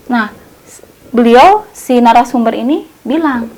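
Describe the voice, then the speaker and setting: A woman's voice: on the high side, lively intonation, measured pace, darkish tone. A woman telling a horror story in a casual, colloquial way, repeating herself often and using many fillers.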